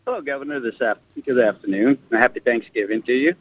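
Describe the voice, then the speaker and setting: A man's voice: medium pitch, fast, no room sound. A man calling in to a radio show over a clipped phone line, polite and slightly hesitant as he asks a two-part question. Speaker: caller. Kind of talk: call-in question on the air.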